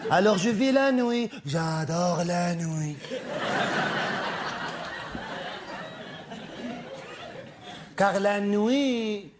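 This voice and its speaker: A man's voice: sits high, background noise, close to an everyday voice. A man performing a stand-up monologue as a vain, chatty, flamboyant male cabaret performer who snaps at hecklers. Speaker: comedian.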